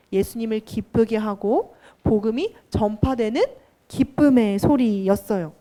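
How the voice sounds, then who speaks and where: Animated woman teaching a children's sermon. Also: on the high side. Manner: animated, sing-song, asks the children questions. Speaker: children's Sunday school teacher.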